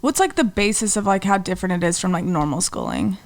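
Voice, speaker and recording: A woman's voice: lowish voice, very animated, fast, creaky. A woman co-hosting a podcast, chatting loosely and swearing casually. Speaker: podcast co-host. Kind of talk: casual chat.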